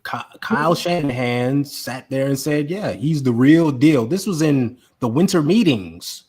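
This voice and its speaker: A husky-voiced man co-hosting a sports podcast in a relaxed chat. He talks with animation and hammers points home by repeating words. His pitch sits in an ordinary middle range. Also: measured pace. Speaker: podcast co-host.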